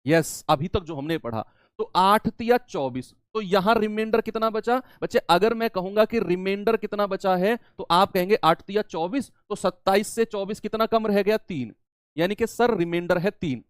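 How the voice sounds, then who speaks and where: A man gives a maths lesson in a high, clear voice, recorded close and dry. He walks through each step, repeats the key terms, and now and then answers in the voice of his students. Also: moderate pace, no echo. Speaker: maths teacher. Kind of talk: classroom maths lecture.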